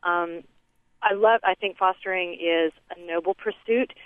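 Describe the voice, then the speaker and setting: A woman's voice: fairly low pitch, steady tone, a little slow, smooth, no echo. A woman calling in to a radio show over the phone, speaking earnestly with many ums and uhs. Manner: earnest, lots of um and uh fillers. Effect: phone line call into a radio show. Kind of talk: call-in talk on a radio show. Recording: tinny dry phone line.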